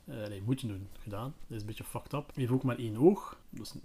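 A man retells a book on his podcast in a relaxed, chatty way. He hesitates often and fills gaps with fillers. His voice sits at an ordinary middle pitch. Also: fast talker, husky. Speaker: podcast host.

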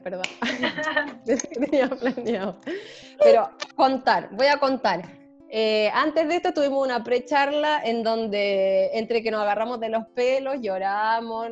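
Chatty Chilean woman, slightly high voice. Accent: Chilean Spanish. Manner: chatty and self-deprecating, many fillers, quick asides. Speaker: band member introducing herself. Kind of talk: casual group chat. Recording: slightly muffled, faint guitar music behind.

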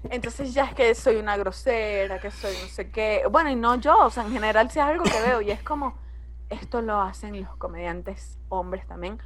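A young woman comedian with a Venezuelan accent, talking casually and bluntly, swearing freely in a relaxed conversation. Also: mid-range voice, a little hiss or hum. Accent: Venezuelan Spanish. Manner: blunt and profane, quick asides.

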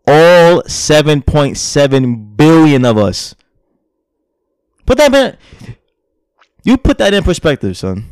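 A man in casual podcast chat, animated and slangy, swearing and often tacking "son" onto his lines. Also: a little high, takes it slowly, long pauses, smooth, dry recording, clean studio sound.

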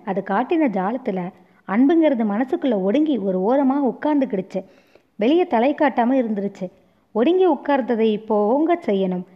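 A patient, tender man , as a woman storyteller puts him on, soothes someone in a hushed, lowered voice. His speech is soft and slow to calm. The recording sounds dull and lo-fi. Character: gentle consoling grown man comforting a weeping woman.

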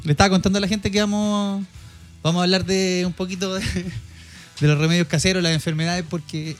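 A man's voice: high-pitched, level tone, brisk, faint music behind. A Chilean man co-hosting a podcast, chatting and joking loosely with plenty of slang. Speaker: podcast co-host. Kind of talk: casual chat.

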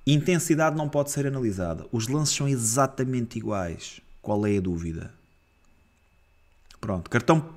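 A man with a European Portuguese accent co-hosting a football podcast, talking in a casual, animated way that turns heated and exasperated, with frequent restarts. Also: mid-range voice. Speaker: co-host of a football club podcast. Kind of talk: casual football analysis chat.

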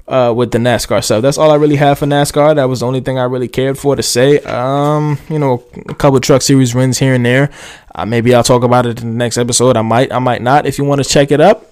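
A man's voice: medium pitch, a little mellow, clean tone. A man hosting a casual solo motorsport podcast, rambling through the news with lots of fillers and jokey self-amused asides. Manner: rambling, laid-back, heavy on fillers like "you know what I'm saying". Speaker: podcast host. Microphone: studio podcast mic.

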